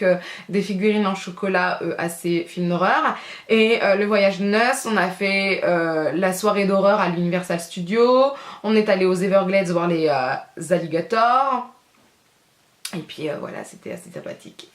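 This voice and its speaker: A woman in her thirties, a beauty vlogger, chatting casually to camera in a slangy way with lots of hesitant fillers. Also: mid-range voice. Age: 30s. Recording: echoey room.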